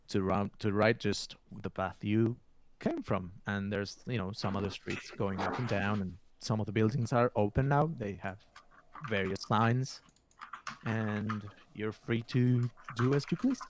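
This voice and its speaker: Low-voiced man narrating as game master. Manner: halting, with frequent filler sounds.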